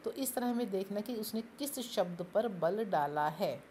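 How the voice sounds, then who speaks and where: A woman's voice: mid-range voice, expressive, a little slow, mellow, slight background noise. A woman teaching a grammar lesson, explaining step by step and asking and answering her own questions. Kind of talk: classroom-style grammar lesson.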